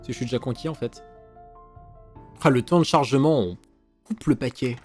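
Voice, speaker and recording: A man streaming a video game, chatting casually and excitedly, swearing and thinking out loud. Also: mid-range voice, moderate pace, husky. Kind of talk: casual let's-play commentary. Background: faint game music.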